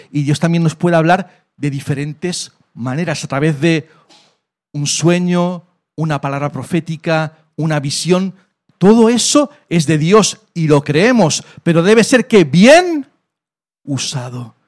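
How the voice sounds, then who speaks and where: A man with a Spain Spanish accent preaching in a church and giving a personal testimony, emphatic, asking questions and answering them himself. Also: on the high side. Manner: emphatic, asks and answers his own questions. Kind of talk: sermon testimony. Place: church hall.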